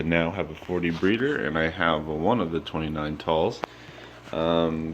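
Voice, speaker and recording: With a deep voice and a sleepy, just-woke-up manner, a young man casually walks through his home fish tanks while filming on his phone. He's relaxed and rambling, filling gaps with ums, and slight background noise is present.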